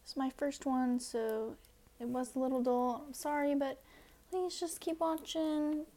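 A young woman from the United States hosting her first casual solo podcast, rambling and self-deprecating, sometimes dropping to a soft near-whisper. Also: high voice, fairly even intonation, measured pace, rough recording. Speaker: podcast host.

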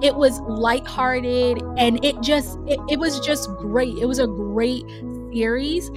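A woman hosts a casual solo podcast, sounding a little nasal from a cold as she chats and rambles with restarts. Her voice sits high and her pace is slow, with music in the background.

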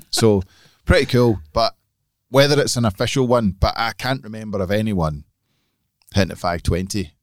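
A man's voice: fairly low pitch, moderate pace, dry recording, studio quality. A man co-hosting a podcast in casual, conversational chat. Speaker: podcast co-host.

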